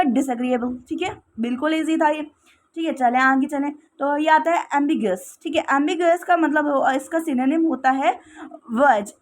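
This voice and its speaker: A woman's voice: sits high, slight background noise. A woman teaching English vocabulary in a casual classroom style, repeating "okay" often and explaining with everyday examples.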